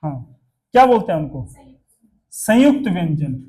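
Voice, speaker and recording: A man teaches a Hindi class, his voice sitting noticeably high. He quizzes the students over and over and makes them repeat each sound. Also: big pitch swings, unhurried, dark tone. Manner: asks the class questions and drills pronunciation. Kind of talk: classroom lesson.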